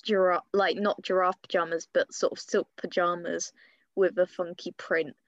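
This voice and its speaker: A woman's voice: on the low side, little pitch movement, moderate pace, no echo. Giggly young woman co-hosting a podcast. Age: 20s. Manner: chatty, giggly, playful teasing. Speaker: podcast co-host. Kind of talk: casual podcast chat. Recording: slightly dull lo-fi sound.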